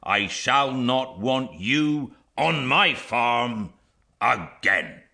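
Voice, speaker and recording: A man's voice: medium pitch, very animated, vocal fry, pushed and bright, pitched above the performer's own voice, full character voice. A man voicing a kind but firm farm master in a storybook, speaking plainly. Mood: stern, angry. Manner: plain-spoken, firm, slow. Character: kind farm master, stern when angered. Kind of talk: storybook character reading.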